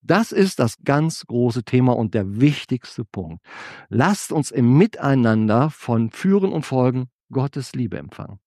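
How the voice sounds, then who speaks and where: A man preaching a sermon, asking his congregation rhetorical questions and swinging between loud emphasis and quiet asides. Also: medium pitch, big pitch swings, unhurried, no echo, clean studio sound. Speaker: pastor.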